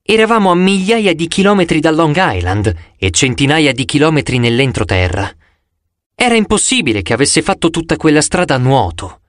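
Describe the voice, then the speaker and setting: A man narrating a first-person audiobook in an expressive storytelling manner, recorded close in a studio. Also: fairly high pitch, brisk, no room sound.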